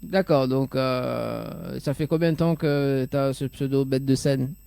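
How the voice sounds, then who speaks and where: A man's voice: mid-range voice, fairly even intonation, measured pace, gravelly, dark tone, clean tone, dry recording. Easygoing male radio host, dry sound. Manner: easygoing questions with fillers. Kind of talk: interviewing a guest.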